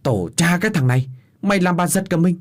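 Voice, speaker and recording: A man voicing a scolding, fussy old woman servant in a spoken story, with a husky, lively voice. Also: medium pitch, normal speed.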